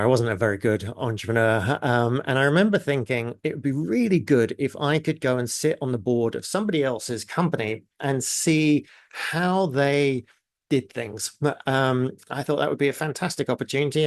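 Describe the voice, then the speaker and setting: This webinar presenter is a man from New Zealand whose accent blends New Zealand and British sounds. He runs a live online masterclass in a chatty style, often pausing on fillers and talking to the audience in the chat. His medium-pitched voice is captured dry, at studio quality.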